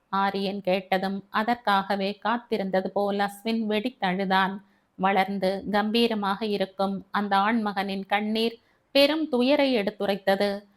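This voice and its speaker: A woman narrating a family novel, reading in a slow, measured way. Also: medium pitch. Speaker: audiobook narrator.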